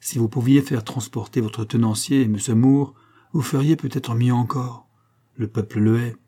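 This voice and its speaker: A proud working man of about forty, read by a man. He speaks in a dark, mellow, slightly husky voice, earnest and plain-spoken. The storybook reading is steady and unhurried. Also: medium pitch, close to an everyday voice. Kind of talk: audiobook character reading.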